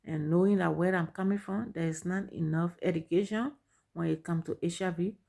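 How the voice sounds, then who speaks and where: A woman's voice: fairly low pitch, steady tone, a little fast, gravelly, dark tone. A middle-aged woman with a Liberian accent, sharing her personal story and giving earnest advice, repeating points for emphasis.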